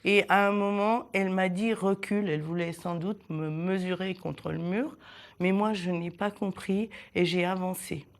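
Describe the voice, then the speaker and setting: A woman in her sixties, born in southern Italy with Italian as her first language, recounting her childhood in a halting, reflective way with many pauses. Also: on the low side, fairly even intonation. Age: 60s. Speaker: interviewee. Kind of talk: personal testimony in a documentary.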